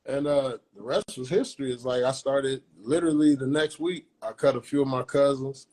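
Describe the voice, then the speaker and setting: This barber from Peoria, Illinois, is a man in his fifties with a husky, mid-range voice and a normal speaking speed. Chatting casually in an interview, he animatedly recounts his story in slang, playing out the conversations himself.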